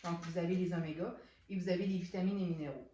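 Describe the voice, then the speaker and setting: A chatty woman with a Québécois accent walks through products in a relaxed unboxing chat, stumbling over words and leaning on "donc". Her voice sits a bit low for a woman. It rings in an echoey room. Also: fast, slight background noise. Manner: chatty, many restarts and "donc" fillers. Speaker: soap shop owner presenting products.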